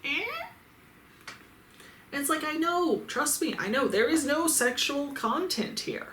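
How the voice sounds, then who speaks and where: A Midwestern woman who reviews adult toys on YouTube reads viewer comments aloud in a casual vlog, blunt and sarcastic, swearing freely. Her voice is high, animated and a bit bright, delivered at a slow pace with a little hiss or hum. The room gives a roomy echo with faint ambience.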